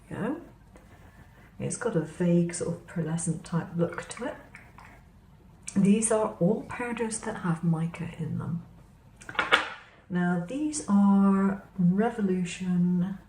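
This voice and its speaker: Indoors at a crafting table, a craft vlogger with a slightly hoarse, somewhat low voice gives a casual product demonstration. She talks through her materials in a relaxed, unhurried, chatty way, lingering over each one as she handles it. The recording sounds roomy, with a faint hum in the background.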